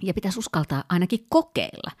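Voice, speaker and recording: A woman co-hosts a casual conversational podcast, her lowish voice sing-song and slightly mellow. She explains ideas step by step and walks through work examples, thoughtful but full of fillers and small restarts.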